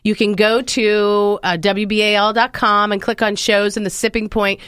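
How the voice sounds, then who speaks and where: A woman's voice: medium pitch, level tone, moderate pace, fairly bright tone, clear, resonant tone, dry recording, clean studio sound. A woman hosting a wine segment in casual chat, upbeat and explaining plainly, a little congested from sinus trouble. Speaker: wine show host.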